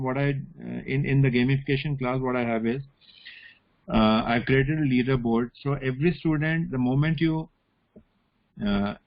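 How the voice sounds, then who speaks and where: North Indian man lecturing, slightly dull audio. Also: medium pitch. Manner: explanatory, often adds "you know" and "right?" as tags. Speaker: academic lecturer. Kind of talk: informal online lecture with question and answer.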